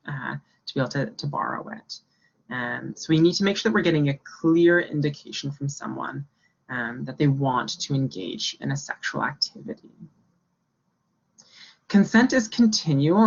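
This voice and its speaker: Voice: medium pitch, gravelly, fairly bright tone, lo-fi sound. A workshop educator explaining a topic to students in a conversational way, with frequent ums and you-knows. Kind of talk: orientation workshop talk.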